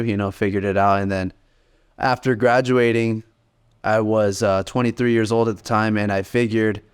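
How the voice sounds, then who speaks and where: A man's voice: fairly low pitch, clean tone. A man in his late twenties telling his story in a laid-back, rambling way as a podcast co-host. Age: 20s. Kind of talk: casual podcast chat.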